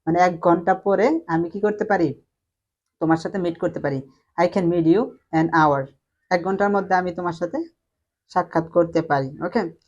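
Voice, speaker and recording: Slow, low-voiced Bengali-accented woman teaching. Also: a little mellow, muffled recording. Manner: repeats each phrase slowly, then translates. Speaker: English teacher. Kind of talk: spoken English lesson.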